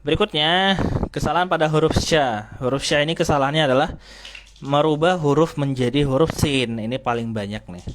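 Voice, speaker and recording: Guy teaching tajwid, says letter sounds out loud, asks the class stuff, bit of hiss and clicks. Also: fairly high pitch, fairly quick. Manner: demonstrates letter sounds, asks students rhetorical questions. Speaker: Quran recitation teacher. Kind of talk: tajwid lesson. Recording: faint noise with clicks.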